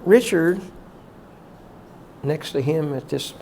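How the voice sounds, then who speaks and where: An older man, a college teacher, reminiscing about former staff in a heartfelt, halting way, often emotional and prayerful. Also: fairly high pitch, steady tone, gravelly, a little mellow, slight background noise.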